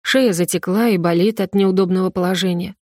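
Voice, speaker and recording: A woman's voice: lowish voice, fairly even intonation, a little fast, darkish tone, dry recording, studio quality. A young woman reading a novel aloud in the first person, her telling emotional and tearful. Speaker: audiobook narrator. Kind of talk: first-person scripted narration.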